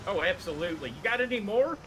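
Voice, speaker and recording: A man's voice: sits high, expressive, fast. A man chatting eagerly in a casual game role-play. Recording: game voice chat with loud car noise.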